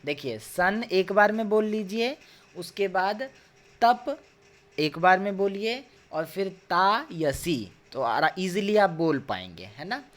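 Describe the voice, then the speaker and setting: A man teaching a Sanskrit class online, patiently explaining and sounding out words slowly, syllable by syllable, with frequent tag questions. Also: sits high, expressive, fairly bright tone. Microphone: video call.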